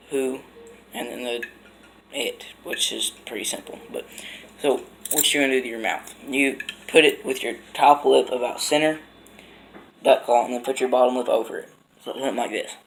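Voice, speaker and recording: Gravelly, low-voiced man giving a lesson. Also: fairly even intonation, fairly quick, fairly bright tone, slight background noise, poor audio. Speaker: instructor demonstrating duck and goose calls. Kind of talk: informal instructional demonstration.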